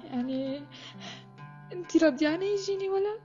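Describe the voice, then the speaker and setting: An actress in a Syrian TV drama playing a gentle, despondent young wife, speaking softly with a Damascene accent. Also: female voice, extremely high pitch, brisk, lo-fi sound, faint music behind. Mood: plaintive.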